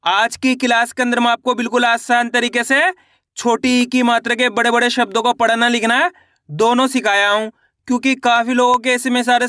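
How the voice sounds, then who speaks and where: Guy teaching a basic class, high voice, asks then answers himself, dry close mic. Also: sharp tone, dry recording. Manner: repetitive, asks and answers own questions. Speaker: Hindi teacher. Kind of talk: online lesson.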